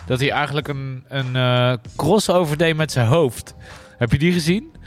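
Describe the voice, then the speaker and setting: A man's voice: medium pitch, normal speed. A man hosting a podcast, chatting about basketball with lots of hesitations and agreeing noises. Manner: hesitant, many fillers, agreeing often. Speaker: podcast host. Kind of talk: casual basketball chat.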